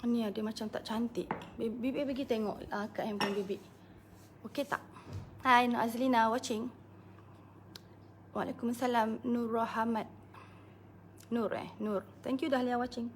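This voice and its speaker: A woman's voice: on the high side, steady tone, measured pace, pauses often, a little hiss or hum. A Malaysian woman business coach chatting casually on a live stream, greeting viewers by name and laughing often.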